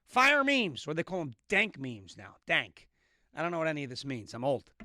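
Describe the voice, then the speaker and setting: A man's voice: mid-range voice, expressive, a little fast, bright, forceful tone, no room sound. Sarcastic man in his thirties hosting. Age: 30s. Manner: sarcastic, snarky. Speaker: guest host. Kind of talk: political commentary talk show.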